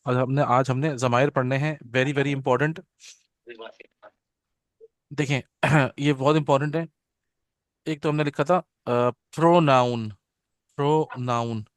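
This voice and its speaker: A man teaching an Arabic grammar class. He repeats each term slowly and keeps checking that his students follow. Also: medium pitch, fairly even intonation, no echo, studio quality. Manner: patient, repeats terms slowly with frequent "theek hai na" check-ins; leads students in call-and-response repetition. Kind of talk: live grammar lesson.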